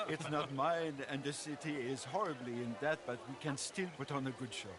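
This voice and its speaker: An actor playing a polite, wry and weary city mayor in a period game. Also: male voice, medium pitch, normal speed, crowd noise, lightly acted. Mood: courteous, wry. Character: genial, weary city mayor hosting a party. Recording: game dialogue over outdoor party noise.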